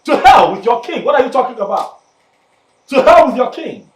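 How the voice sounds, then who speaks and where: An actor with a Nigerian accent plays a young man told he is a king's heir, defiantly rejecting the royal claim. His very high-pitched voice swings widely at a normal speed as he grows agitated and repeats himself.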